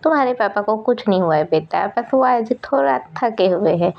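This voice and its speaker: A calm, kindly old grandfather speaks soothingly to his grandson in a storybook tale, voiced by a woman. The voice has a gravelly edge, and the recording is dull and lo-fi. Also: mid-range voice, moderate pace. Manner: soothing, gentle.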